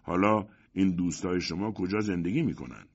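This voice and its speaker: A man voicing a kindly blind old man who speaks softly and courteously, in a storybook reading. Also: deep voice, animated. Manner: soft, courteous, consoling. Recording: dull lo-fi audiobook recording.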